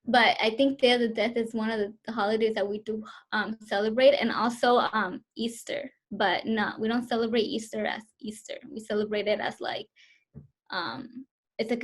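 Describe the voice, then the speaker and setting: Over a video call, a woman in her twenties from Southern California in the US answers interview questions hesitantly, full of fillers. Her voice sits on the high side with fairly even intonation and normal speed.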